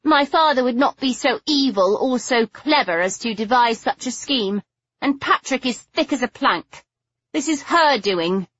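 A woman's voice: a little high, normal speed, fairly bright tone, no room sound, dull audio, voice pushed up. A woman reading an audiobook, voicing a sulky, stubborn young woman who sounds plaintive and scornful. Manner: petulant, spitting, insistent.

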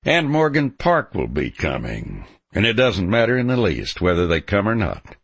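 A man voicing a bold, stubborn drifting cowhand in an audiobook, cocky and romantic, speaking bluntly and confidently in a gravelly voice. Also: on the low side, huge pitch swings, normal speed, no echo, voice pushed up, full character voice. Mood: defiant. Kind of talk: audiobook character dialogue.

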